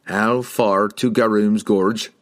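A man's voice: lowish voice, steady tone. A man doing a young barbarian warrior. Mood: resigned. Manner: measured, reasoning, earnest. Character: big young human barbarian warrior, earnest. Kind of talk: audiobook character voice.

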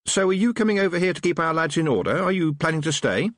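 A man's voice: a little high, animated, fast, dry recording, clean studio sound, voice pushed up, lightly acted. A man playing a bossy young witch girl. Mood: curious. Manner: sharp, bossy, schoolteacherly.

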